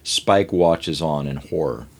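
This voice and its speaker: A man narrating a comic script panel by panel in a low, deep voice. His delivery is brisk and animated, with a wide pitch range as he reads the scene directions. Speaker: host and narrator. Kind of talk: reading a comic script aloud.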